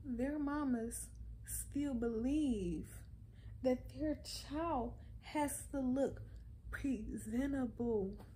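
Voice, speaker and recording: Chill woman vlogging her opinions, slightly high mellow voice, repeats stuff to make her point, bit of noise behind. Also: drawn-out words, low-quality recording. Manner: conversational and insistent, repeats phrases for emphasis. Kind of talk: casual opinion monologue to camera.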